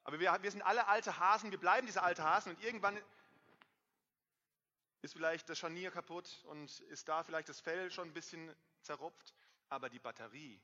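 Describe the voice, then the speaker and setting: A man in his thirties preaching a sermon to a congregation, lively, swinging between loud emphasis and quiet asides. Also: sits high, normal speed. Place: church hall. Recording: dull, reverberant hall sound.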